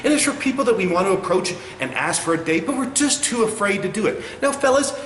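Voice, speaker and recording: A man playing a crude, cynical clown pitchman in a spoof infomercial, swearing and mock-sincere as he sells insulting greeting cards. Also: a bit bright. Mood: salesy, proud. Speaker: comedian in character as a clown. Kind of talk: spoof infomercial sales pitch with recited rhyming card verses. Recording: roomy echo, faint background noise.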